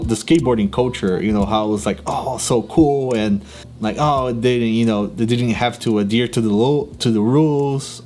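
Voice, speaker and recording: This young Brazilian YouTuber has a mid-range, darkish voice and a Brazilian Portuguese accent. Talking casually to camera, he laughs often and stumbles through plenty of ums, fillers and restarts.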